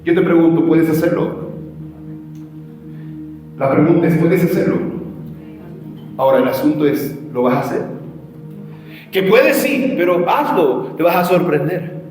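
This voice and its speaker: Preacher in an echoey hall. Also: male voice, a little high, lively intonation, normal speed. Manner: passionate, shifts between shouting and quiet storytelling. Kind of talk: evangelism seminar sermon. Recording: echoey hall with faint music.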